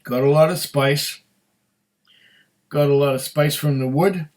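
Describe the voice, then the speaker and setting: A man's voice: fairly high pitch, steady tone, unhurried, darkish tone. Rambling middle-aged man reviewing whisky. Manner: rambling, chatty, restarts often. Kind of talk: casual tasting chat.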